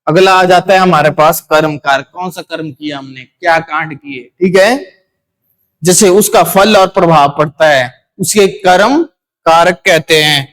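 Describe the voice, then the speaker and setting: Male teacher, higher voice, slow and deliberate, quizzes himself and repeats answers. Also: fairly bright tone. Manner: asks and answers his own questions; repeats key words for students. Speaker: Hindi grammar teacher. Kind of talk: classroom grammar lesson.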